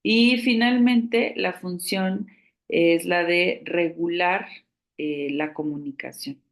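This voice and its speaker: A woman teaches a training session at a slow, deliberate pace. Her voice has a gravelly, creaky texture. She explains things in a measured way and often pauses mid-sentence to find her words. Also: lowish voice. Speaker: instructor. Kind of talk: online training lecture.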